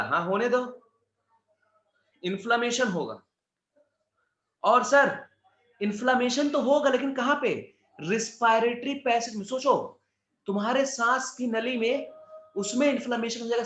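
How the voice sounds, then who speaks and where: A man's voice: very high-pitched, fairly bright tone, roomy sound. A male biology teacher giving a chatty exam-prep lecture with words, asking his students' questions in his own voice.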